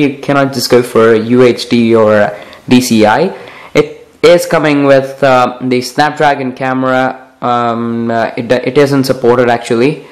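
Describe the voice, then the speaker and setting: A young man hosting a casual tech vlog, talking in a halting, rambling way with stretched pauses. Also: mid-range voice, low-quality recording. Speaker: tech video host. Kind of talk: casual phone software overview vlog.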